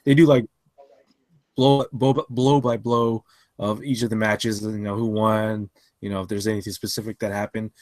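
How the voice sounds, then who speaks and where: A man's voice: fairly low pitch, little pitch movement, moderate pace, a little mellow, dry recording. A man co-hosting a casual podcast chat, tired after a long work shift, rambling with lots of fillers and restarts. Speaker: podcast co-host.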